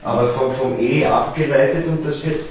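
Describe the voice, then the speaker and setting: A man's voice: mid-range voice, fairly even intonation. Man lecturing in a very echoey room. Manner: halting, repeats words while explaining. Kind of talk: explanatory lecture.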